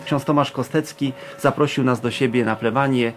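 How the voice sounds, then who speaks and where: A man's voice: mid-range voice, fairly even intonation, normal speed, faint music behind. A man as a guest recounting a story in casual speech, rambling with fillers and restarts. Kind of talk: casual spoken recollection.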